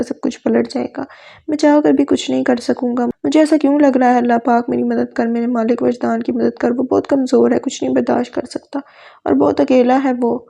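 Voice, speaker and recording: Woman reading as a desperate young male teacher, pleading, flat gravelly voice. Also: a little high. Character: anguished young man, a teacher, praying in fear.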